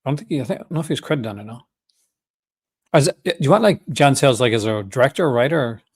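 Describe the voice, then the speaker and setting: Chatty guy w a newfoundland accent, medium pitched voice, rambling casually about his collection like a vlogger. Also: expressive, fast, breathy edge. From Newfoundland, Canada. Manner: chatty, folksy, enthusiastic asides. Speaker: host of a movie-collecting vlog. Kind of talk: casual unscripted chat.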